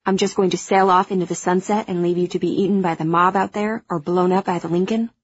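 An actress playing a fierce, protective young hacker aboard a spaceship in an audio drama, speaking with urgent, firm reassurance. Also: female voice, lowish voice, steady tone, quick pace, husky, no room sound, lo-fi sound. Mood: defiant, determined.

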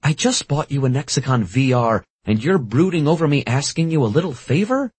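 A man's voice: medium pitch, sing-song, a little fast, a little mellow, breathy edge, no room sound, pitched above the performer's own voice. A man voicing a playful, caring young woman with a raised, pleading voice. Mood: coaxing.

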